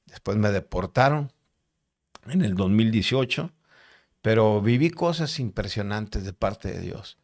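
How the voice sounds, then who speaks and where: A man's voice: on the low side, lively intonation, darkish tone. A man with a Mexican Spanish accent, a podcast guest telling a personal testimony in a casual, slangy way, often repeating words as he goes. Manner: halting, with many repeated words.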